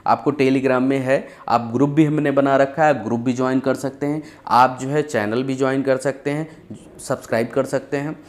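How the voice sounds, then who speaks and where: A man's voice: mid-range voice, fairly even intonation, normal speed. A man giving a conversational exam-prep history lesson, telling it as stories and often checking in with "ठीक है". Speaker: history teacher.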